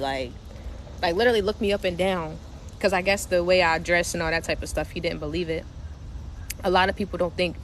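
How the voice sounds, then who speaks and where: Young delaware woman w/ a little new york twang, swearing and laughing on her live, crickets and cars buzzing behind, noisy mic. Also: on the low side. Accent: Delaware with a slight New York twang. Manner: slangy, profane, laughs often. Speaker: spiritual livestream host. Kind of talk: casual livestream chat. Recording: steady background noise.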